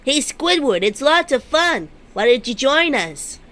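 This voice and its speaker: A woman's voice: high voice, very animated, measured pace, a bit bright, exaggerated voice. A woman voicing a childish, playful male sea sponge in an amateur cartoon skit.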